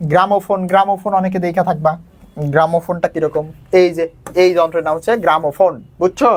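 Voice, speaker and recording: A man teaching a casual exam lesson, explaining a story and often checking that his students follow. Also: on the high side.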